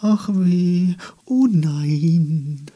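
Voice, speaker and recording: A man doing a high wailing crybaby tree. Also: drawn-out words, mellow, dull audio. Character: whiny crybaby tree and its friends.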